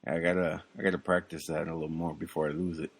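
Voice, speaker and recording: A young man talks casually as a podcast co-host. His voice sits low, and he rambles along, filling pauses with ums and uhs. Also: little pitch movement, vocal fry, breathy edge. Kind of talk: casual chat.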